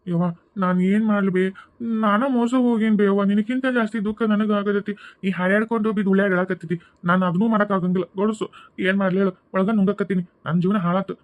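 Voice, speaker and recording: A man's voice: sits high, fairly even intonation, fast talker, phone-quality sound, natural voice. A man voicing a helpless, pleading young husband in a cartoon, with a North Karnataka Kannada accent. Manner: pleading, whining.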